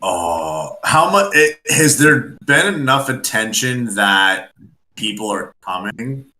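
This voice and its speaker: A man's voice: on the low side, animated, slow pace, bright, forceful tone. A man playing a tabletop game, easygoing and a bit hesitant, with many fillers. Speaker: player. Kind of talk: casual game chat. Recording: echoey room.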